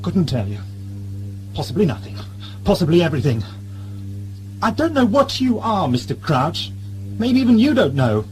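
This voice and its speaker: A man's voice: high voice, huge pitch swings, normal speed, long pauses, slight background noise, poor audio. A man playing a bitter, suspicious time-travelling alien, theatrical and brooding, in an audio drama. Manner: theatrical, brooding, erupting into shouts.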